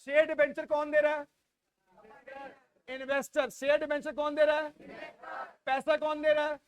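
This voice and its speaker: A man from India with an Indian accent teaching a class, drilling students loudly and repeating questions for them to answer back. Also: extremely high pitch, little pitch movement, normal speed. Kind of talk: classroom lecture with call-and-response drilling.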